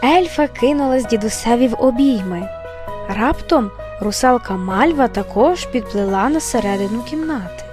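A woman narrating an audio fairy tale in a gentle storytelling manner. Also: a little high, lively intonation, moderate pace, music in the background.

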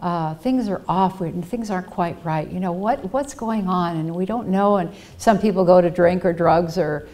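This guest speaker, an older woman, talks from a podium in a library auditorium over a headset mic, recounting personal stories in an earnest, reflective way and voicing the people she quotes. Her mellow, fairly low voice moves at normal speed with hardly any pauses.

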